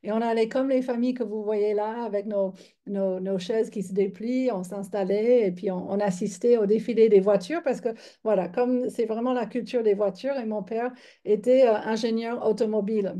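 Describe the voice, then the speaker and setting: A woman in her fifties from Michigan, a yoga teacher giving an online lecture in a chatty, halting way with many fillers and restarts. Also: on the high side, steady tone, mellow. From Michigan, United States. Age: 50s.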